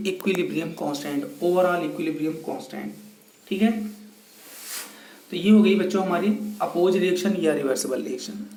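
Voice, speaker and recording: A man's voice: high-pitched, darkish tone. A man teaching a chemistry lecture. He explains step by step, asks questions and answers them himself, mixes English technical terms into his Hindi, and calls his students children. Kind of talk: recorded classroom lecture. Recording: echoey room with faint ambient noise.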